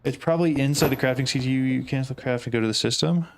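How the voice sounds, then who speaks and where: A man's voice: mid-range voice, fast. A man streaming a game, thinking aloud in casual talk and often asking puzzled questions. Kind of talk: casual live gameplay talk.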